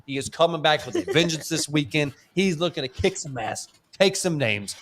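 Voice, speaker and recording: A man co-hosts a casual monster truck talk show, speaking at normal speed in a fairly high, animated voice. He's blunt and laid-back, chuckling as he chats.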